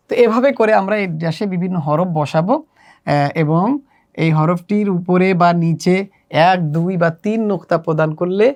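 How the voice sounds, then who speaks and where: A man walking teachers through a children's textbook lesson, explaining each exercise in a measured way with frequent "ah" fillers. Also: sits high, a little mellow. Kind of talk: instructional walkthrough for teachers.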